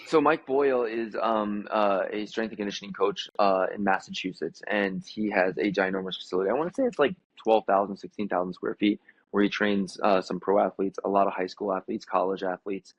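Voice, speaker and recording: A man's voice: fairly low pitch, a little fast, slightly rough, no room sound. A man in his forties with an American accent, a gym owner who is a guest on a podcast, telling stories casually with lots of fillers and acted-out quotes. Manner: animated storyteller who acts out quotes, many fillers. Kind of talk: casual conversational storytelling. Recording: dull lo-fi sound.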